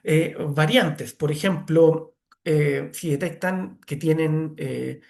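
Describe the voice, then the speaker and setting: Man teaching, slightly high voice. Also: slow, creaky, darkish tone. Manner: conversational, many "eh" fillers. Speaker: online course instructor. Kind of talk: screen-share tutorial.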